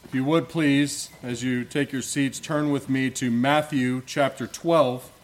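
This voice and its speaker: A man preaching at a pulpit microphone in a church sanctuary. He prays and reads scripture at a measured, solemn pace, using archaic biblical phrasing, with a voice of ordinary pitch. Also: fairly even intonation, a little hiss or hum. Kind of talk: prayer and scripture reading in church.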